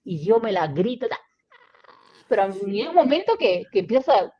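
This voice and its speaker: A middle-aged woman speaking as a podcast guest about anxiety, telling stories in an animated way with frequent restarts. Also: medium pitch, normal speed, slight background noise. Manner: animated storytelling, many restarts. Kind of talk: casual podcast conversation. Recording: muffled lo-fi sound.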